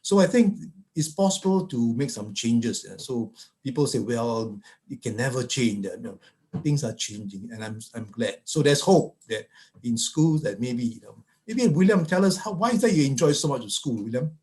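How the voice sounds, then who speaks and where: Man, mid-pitched voice, webinar panelist, punchy rhetorical questions. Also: animated, a little mellow. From Malaysia. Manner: asks rhetorical questions in bursts, halting restarts. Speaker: psychiatrist panelist.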